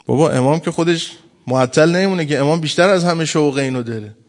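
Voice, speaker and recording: Man preaching, storytelling sermon. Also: a little high. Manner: acts out quoted dialogue, rising to emphatic bursts.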